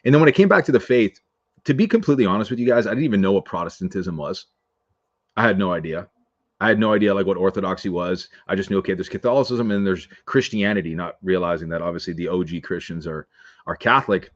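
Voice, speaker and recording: A man's voice: sits low, quick pace, no room sound, lo-fi sound. A man talking as a podcast guest in a casual interview, earnest and laid-back with many fillers.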